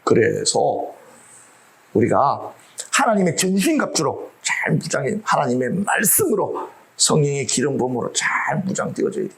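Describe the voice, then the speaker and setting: A man's voice: mid-range voice, sing-song, moderate pace, creaky, fairly bright tone. A middle-aged man preaching a sermon as pastor, humorous and full of rhetorical questions.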